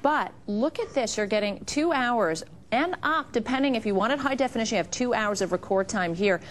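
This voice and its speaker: A woman with a slightly high voice works as a home shopping host. She pitches live in gushing, enthusiastic patter, talking straight to viewers at home. Some noise sits behind her in the studio recording. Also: expressive, moderate pace. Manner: enthusiastic, gushing over features. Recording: noticeable background noise.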